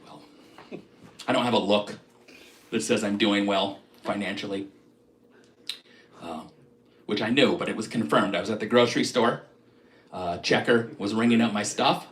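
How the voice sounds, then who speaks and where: A middle-aged man doing a self-deprecating stand-up set on a live stream, jumping into quick bits where he acts out shoppers and clerks. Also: fairly low pitch, fairly bright tone, reverberant. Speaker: stand-up comedian.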